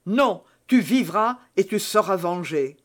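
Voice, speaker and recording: A man's voice: high-pitched, expressive, moderate pace. A man voicing a lovestruck young officer, speaking with passion and insistence in an audiobook reading. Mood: ardent.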